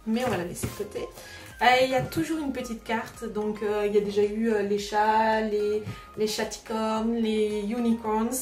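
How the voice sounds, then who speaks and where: A woman's voice: on the high side, fairly even intonation, normal speed, a little mellow, recorded from a distance. A woman hosting a casual craft unboxing vlog, chatty and hesitant, with many filler sounds. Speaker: craft vlogger host. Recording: roomy echo, voice away from the mic, music behind. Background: background music.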